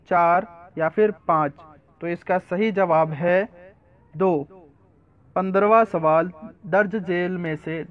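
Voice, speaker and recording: A high-voiced man reads quiz questions one by one, lists the options, and then announces the right answer. The recording sounds slightly dull and lo-fi, without much crispness at the top. His delivery is even and methodical, like a study-guide narration. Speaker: quiz presenter. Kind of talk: reading out multiple-choice quiz questions.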